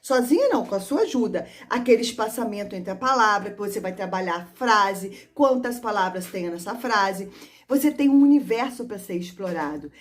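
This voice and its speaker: A woman's voice: mid-range voice, animated, moderate pace. A woman literacy teacher giving practical tips to other teachers, acting out classroom prompts as she explains. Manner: demonstrative, sings and acts out classroom prompts; addresses listeners as "gente".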